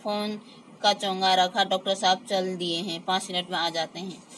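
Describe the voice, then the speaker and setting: A woman's voice: mid-range voice, little pitch movement, normal speed, fairly bright tone, a little hiss or hum, low-quality recording. A woman acting out and explaining a story. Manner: acts out the characters' lines, then retells them in plain words. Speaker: teacher. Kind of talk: reading and explaining a textbook play.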